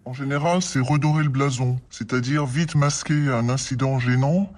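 A man's voice run through a voice changer to hide who he is, heard in a recorded interview clip. He talks at a middling pitch and an ordinary pace, halting often and filling the gaps with pauses. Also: darkish tone. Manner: halting, frequent filler pauses. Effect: voice disguised with a voice changer. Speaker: anonymous interviewee.

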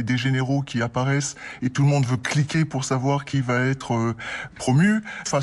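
An anonymous man in a recorded interview excerpt, his voice disguised with a voice changer, speaking haltingly with frequent filler pauses. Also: medium pitch.

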